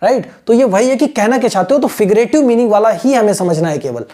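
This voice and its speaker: A man's voice: high voice, expressive, fast, mellow. A male teacher giving a screen-share language lesson, patiently repeating points, checking in with the viewer and drilling pronunciation syllable by syllable. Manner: mixes English phrases into his explanations.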